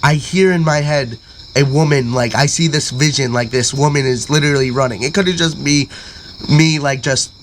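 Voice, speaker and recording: A man's voice: medium pitch, moderate pace, slight background noise. Rambling young man telling a story. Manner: rambling storyteller, many fillers. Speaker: podcast co-host. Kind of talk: casual chat.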